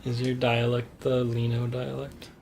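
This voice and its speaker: A man's voice: mid-range voice, monotone, measured pace, creaky, background noise. A man co-hosting a game stream who needles his partner in teasing, casual banter. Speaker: let's play co-host.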